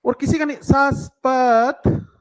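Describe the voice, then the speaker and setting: A man's voice: extremely high pitch, fairly even intonation, slow, clear, resonant tone. Coaxing male math teacher on a call. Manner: coaxing and teasing, calls pupils "beta", mixes English terms. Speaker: coaching teacher for school entrance exams. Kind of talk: live online math class with children.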